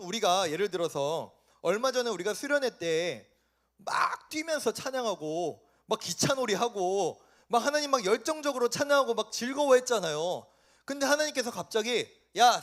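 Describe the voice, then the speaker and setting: A young man preaching a sermon to high school students in a church, animated and often questioning his listeners. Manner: animated, questioning the listeners, acting out quoted voices. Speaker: youth pastor. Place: church sanctuary.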